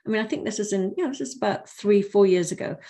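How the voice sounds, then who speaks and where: A woman in her sixties, a life coach, telling her story in a relaxed, reflective interview. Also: mid-range voice, fast. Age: 60s. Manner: warm, reflective storytelling with frequent laughter. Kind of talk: conversational interview.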